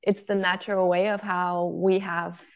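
Gravelly-voiced woman from Bulgaria. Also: lowish voice, little pitch movement, normal speed, highs cut off. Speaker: guest, product founder. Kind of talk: podcast interview.

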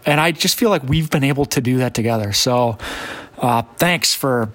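A man hosting a conversational podcast in a casual, halting way, often restarting his phrases. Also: medium pitch, fairly bright tone, dry recording. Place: basement of a guest home.

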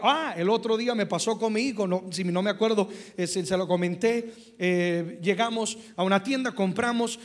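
High-voiced preaching man. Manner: rises from hushed to loud preaching and asks the congregation for replies. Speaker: pastor. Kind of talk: sermon.

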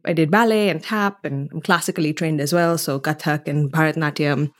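A young Mombasa-born theatre artist talks a little fast in a low, steady voice. On a podcast, she reflects articulately as she tells stories from her own life.

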